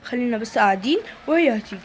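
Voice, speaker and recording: A woman puts on a dismissive Egyptian man's voice for a toy play video, dropping her pitch and waving away the worries. The lowered voice still sits above a man's usual range. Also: expressive, rapid-fire, slight background noise, lightly acted.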